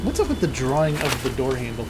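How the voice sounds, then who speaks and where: A woman's voice: very deep voice, sing-song, quick pace. A woman co-hosting a game playthrough with wry, sarcastic, joking casual commentary. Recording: clear noise and game sound behind.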